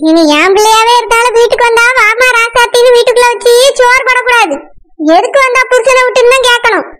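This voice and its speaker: A woman voicing a scheming, sharp-tongued middle-aged village mother in a cartoon, with a Tirunelveli Tamil accent and a scolding manner. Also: very high-pitched, steady tone, quick pace. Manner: scolding, nagging. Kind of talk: cartoon voice acting.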